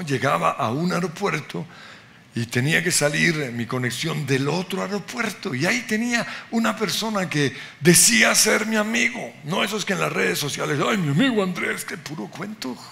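A man pastor preaching a sermon with emphatic, dramatic pauses and rising exclamations. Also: fairly high pitch, gravelly, sharp tone. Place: church.

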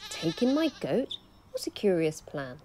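A woman's voice: sing-song, measured pace, noisy background. A woman voicing a fussing, flustered little old lady in a children's storybook reading, pleading and exclaiming. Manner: exclaiming, pleading, rising to high squeals.

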